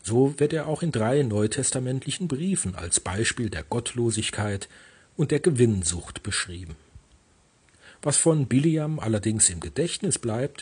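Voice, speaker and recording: Husky-voiced pastor guy, earnest sermon reading, mid pitch. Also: a little mellow. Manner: measured, earnest preaching. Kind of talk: recorded devotional reflection.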